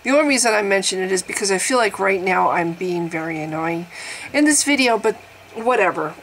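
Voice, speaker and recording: A woman's voice: animated, fairly quick, slight background noise, rough recording. A woman in her fifties talking casually to the camera about getting older, in a wry, exaggerated, self-mocking way that often breaks into laughter. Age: 50s. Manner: wry, exaggerated, laughing at herself, swings in pitch and loudness. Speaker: vlogger.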